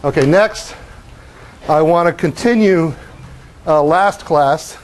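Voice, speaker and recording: A middle-aged professor gives a university lecture in a lecture hall, speaking slowly in a voice slightly high for a man, with a little hiss or hum on the recording. Animated, he acts out the physics of motion with his own body as he explains. Now and then he breaks off for wry asides and questions to the students.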